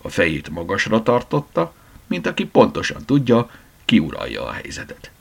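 A man narrating a storybook chapter in an expressive reading. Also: lowish voice, creaky, breathy edge. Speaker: audiobook narrator.

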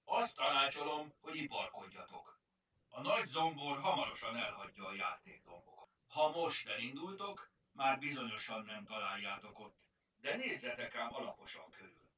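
A man's voice: mid-range voice, expressive, bright, forceful tone. A man voicing a proud, bearded male border guard in a storybook, speaking in a dignified, advising way. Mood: warning. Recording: roomy, distant mic.

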